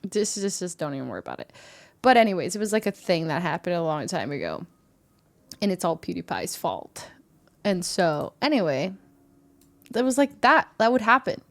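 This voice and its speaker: A young woman chatting casually as a streamer guest, telling animated stories that swing from loud excitement to low mutters, often laughing as she talks. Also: moderate pace, gravelly. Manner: laughs often while talking. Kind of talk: casual chat.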